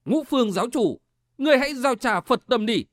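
Man doing an old warrior nun, fierce, loud, demanding, audiobook, high-pitched, dry close sound. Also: very animated, fairly quick, no echo, full character voice.

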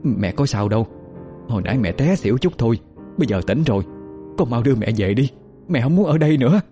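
A man voicing a frantic, stubborn middle-aged mother in a narrated ghost story, insistent and shrill. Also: expressive, quick pace, mellow, faint music behind, close to an everyday voice. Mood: hurried.

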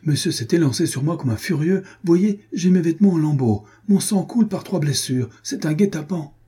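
A man's voice: fairly high pitch, lively intonation, moderate pace, warm tone, slightly rough, pitched above the performer's own voice. A man putting on a haughty cowardly schemer. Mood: protesting.

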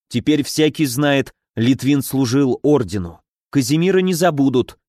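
A man narrating an audiobook in a steady, even storytelling voice of middle pitch. The recording is dry and close, with no room sound at all. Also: no room sound.

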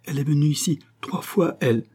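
Man voicing a smooth, self-assured gentleman. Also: on the high side, a little fast, pitched above the performer's own voice. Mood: cool. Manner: calm, affable, self-assured. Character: smooth, cool-headed young gentleman. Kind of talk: audiobook character voice.

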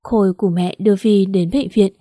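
Mellow woman reading a story. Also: medium pitch, steady tone, normal speed, no echo, studio quality. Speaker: narrator. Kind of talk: audiobook story narration.

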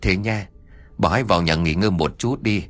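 A man voicing a gentle, grieving middle-aged father who talks in a patient, soothing way. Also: low voice, big pitch swings, brisk. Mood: coaxing.

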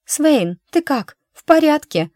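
A woman's voice: medium pitch, expressive, normal speed, a little mellow, no echo, clean studio sound, pitched above the performer's own voice, natural voice. A woman voicing a sly, bold young woman commander in an audiobook, pushy and mocking. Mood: worried.

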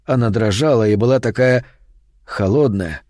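Male audiobook narrator, dark mellow voice, horror reading. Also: mid-range voice, no echo, studio quality. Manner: steady, measured storytelling.

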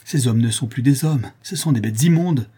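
Un homme joue un jeune homme du peuple qui gronde de colère, voix basse, mate et un peu rauque. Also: male voice, fairly even intonation, quick pace, mellow, slightly rough. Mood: angry. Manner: growling. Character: angry, wary young male artisan.

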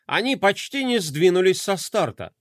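A man reads a children's storybook aloud with animated, expressive delivery. His voice is high and swings widely in pitch. The recording is dry and close, with no room sound. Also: moderate pace, dry recording. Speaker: narrator.

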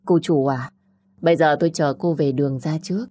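A woman narrator voicing a gentle, respectful older male family driver. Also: low voice, brisk.

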